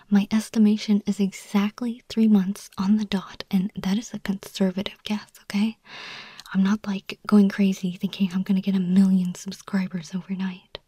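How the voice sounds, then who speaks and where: A young woman performing a whispered ASMR roleplay as an anxious, broke young woman, speaking in a soft, confiding, pleading way. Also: medium pitch, no room sound, lightly acted. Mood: earnest, persuasive. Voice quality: breathy whisper.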